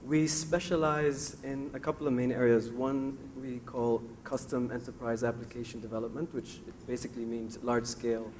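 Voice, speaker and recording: A managing partner introducing his software firm on a conference panel, speaking fluently like a polished presenter. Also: mid-range voice, flat delivery, normal speed, hardly any pauses, slight background noise.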